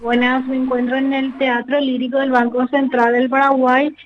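A woman reports live from an event in a level, informative tone. Her voice is high and stays very even in pitch. The sound is somewhat dull. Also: normal speed, slight background noise. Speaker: field reporter.

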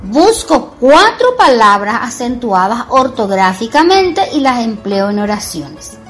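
High-voiced woman teaching slowly. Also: big pitch swings, fairly bright tone, faint music behind. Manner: slow, explanatory, repeats words for emphasis. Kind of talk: bilingual Guarani and Spanish grammar lesson.

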